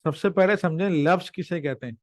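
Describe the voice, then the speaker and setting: A man with a fairly high voice teaching a live grammar lesson. He explains patiently, drawing out definitions word by word and checking that his listeners follow. The sound is dry and close. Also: no room sound. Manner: slows to stress each word of definitions.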